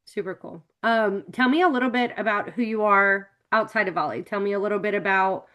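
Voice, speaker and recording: A woman's voice: mid-range voice, a little fast. Chatty woman hosting a video interview. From Florida, United States. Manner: chatty, warm questions with many fillers. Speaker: interview host.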